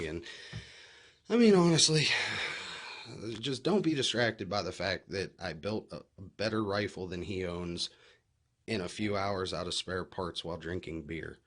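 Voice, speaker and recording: Slow rustic drawl, sarcastic man. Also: sits low. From West Virginia, United States. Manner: sarcastic, blunt, sweary. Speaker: reaction video host. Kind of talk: casual firearms commentary. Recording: loud noise with clicks.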